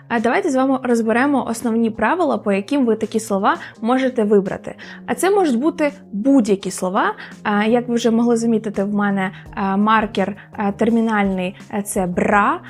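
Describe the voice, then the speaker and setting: A woman dog trainer explaining in a casual lesson, pausing often on filler sounds and repeating sample words aloud. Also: a little high. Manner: frequent hesitation fillers, demonstrates words aloud.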